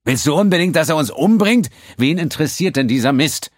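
A man doing an agitated, high-strung male captive. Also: very animated, measured pace, dry recording, clean studio sound, heavily acted. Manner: agitated, pleading, snapping. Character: panicky, hot-tempered male captive. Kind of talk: audiobook character voice.

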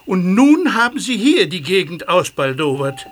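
A man's voice: high-pitched, very animated, unhurried, slight background noise. An actor playing an indignant, self-righteous man making stern, contemptuous accusations in an audio drama. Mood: indignant, accusing.

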